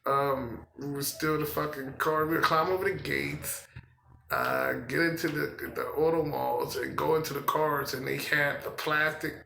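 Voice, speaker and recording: Philly man, raw gravelly voice, unhurried, cursing, personal testimony, echoey room. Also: a little high, flat delivery, bright, forceful tone, slight background noise. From Philadelphia, US. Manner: halting and profane, many fillers. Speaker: person telling his life story. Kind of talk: personal storytelling.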